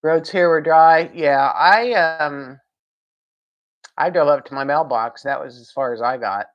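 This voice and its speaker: A woman's voice: deep voice, measured pace, dull audio. A woman hosting a casual live stream from home, rambling, laughing and answering viewer comments.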